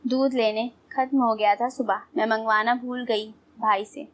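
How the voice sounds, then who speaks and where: A woman narrator voicing an anxious young woman speaking in a hushed way. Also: on the high side, steady tone, close to an everyday voice.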